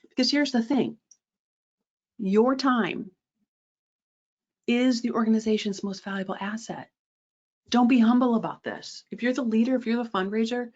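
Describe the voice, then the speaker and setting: A woman's voice: medium pitch, darkish tone, lo-fi sound. A woman presenting a fundraising webinar, direct and emphatic, often checking in with a rhetorical "right?" and adding sarcastic asides.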